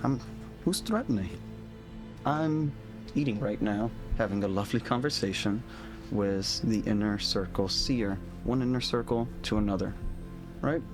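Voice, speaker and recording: Playing a tabletop role-playing game in character, this man talks at a moderate pace in a voice on the low side. He comes across defiant and sarcastic, laughing often, while music plays in the background.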